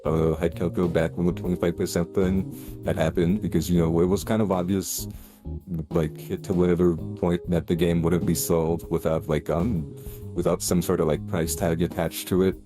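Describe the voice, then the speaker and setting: Very deep, flat voice-changer man. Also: moderate pace, music in the background. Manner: rambling, heavy on fillers and restarts. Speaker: stage speaker in a voice chat. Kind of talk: casual voice-chat debate.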